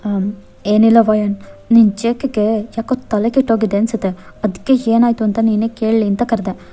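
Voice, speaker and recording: A brisk, scolding middle-aged mother in a Kannada fan-fiction voiceover, voiced by a woman. She nags loudly, in a mellow, fairly high voice. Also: steady tone, lightly acted. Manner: loud, nagging scolding.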